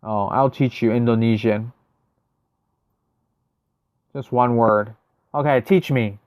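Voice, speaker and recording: A livestream host from the United States speaks slowly and steadily, his medium-pitched voice clean, resonant and a bit dark. He keeps up chatty gameplay talk, thinking aloud and responding to viewers, in a very dry recording with no room sound.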